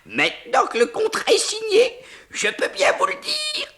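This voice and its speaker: A woman's voice: extremely high pitch, huge pitch swings, moderate pace, fairly bright tone, exaggerated voice, poor audio. A woman voicing a gleeful, teasing house seller who laughs in a 1970s TV cartoon. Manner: laughing, teasing, sing-song.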